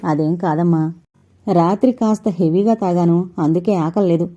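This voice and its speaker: A woman voicing a troubled young businessman who talks in a low, strained voice. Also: moderate pace, warm tone, natural voice. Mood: subdued.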